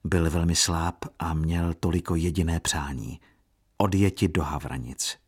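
A man narrating a classic novel in a measured, expressive audiobook reading. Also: deep voice, husky.

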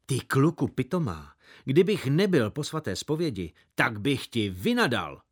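A man's voice: medium pitch, big pitch swings, breathy edge. A man doing a sulky, pious village boy. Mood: grumbling threat. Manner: prim, sanctimonious, threatening.

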